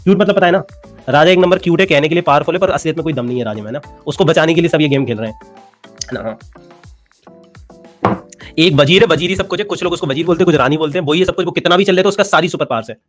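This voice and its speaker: A man's voice: on the high side, racing, soft background music. A young man with an Indian accent teaching physics in a playful, teasing lecture, slipping English phrases into his talk. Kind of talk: animated classroom lecture.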